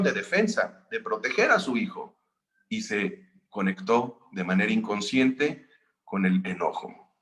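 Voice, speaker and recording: Man, Mexican accent, seminar facilitator, calm narrative lecture, bright tone. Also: fairly low pitch. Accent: Mexican Spanish. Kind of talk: storytelling lecture.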